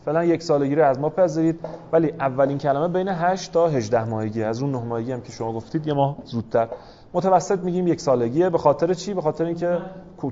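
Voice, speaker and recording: A man's voice: fairly high pitch, dark tone. A man lecturing a class, explaining step by step and asking rhetorical questions of his listeners. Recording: dull lo-fi recording.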